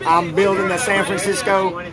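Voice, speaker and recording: Outdoors amid noisy crowd chatter, a man performs an improvised comic bit as an old grandpa inventor who boasts, rambles and calls everyone "son" and "whippersnapper." He speaks in a lightly acted, high-pitched voice with little pitch movement, at a moderate pace.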